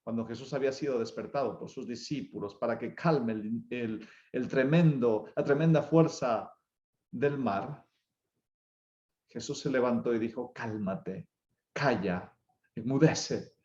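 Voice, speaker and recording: A male pastor preaching an evangelistic sermon with passion, his voice rising and falling dramatically between phrases. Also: a little slow. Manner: impassioned preaching with dramatic swings of pitch and loudness. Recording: roomy, slightly dull church recording.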